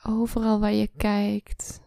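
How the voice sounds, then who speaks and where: A woman guiding a relaxation meditation, speaking slowly and softly, often in a whisper, close to the mic. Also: medium pitch, completely flat delivery, creaky, no room sound. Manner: slow soft-spoken, often whispering. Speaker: meditation guide.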